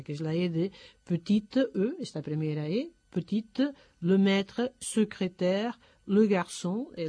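Woman teacher, methodical explainer who pauses with fillers, warm low-key timbre. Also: no echo. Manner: methodical, often pausing on "eh" and "entonces". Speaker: French language teacher. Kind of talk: explanatory lecture.

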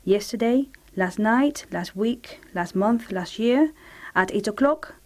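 A woman teaching English grammar in a radio lesson, explaining clearly and reading English examples slowly. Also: on the high side, animated, darkish tone.

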